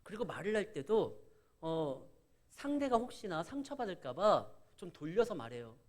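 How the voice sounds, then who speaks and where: Middle-aged pastor, Chungcheong accent, preaching in a high, lively voice, acts out dialogue in his stories. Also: normal speed. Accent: Chungcheong Korean. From Korea. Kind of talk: sermon.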